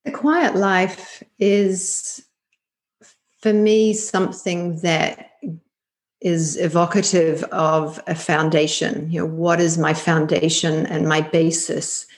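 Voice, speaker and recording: Calm New woman, lowish voice. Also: slow pace. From New Zealand. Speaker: meditation teacher, guest. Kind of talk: casual interview chat.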